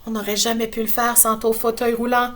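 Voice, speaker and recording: A woman's voice: a little high, level tone, fairly quick, lightly acted. A Quebec woman reading a storybook, voicing a father in a firm, matter-of-fact way. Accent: Quebec French. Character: decisive father of the family.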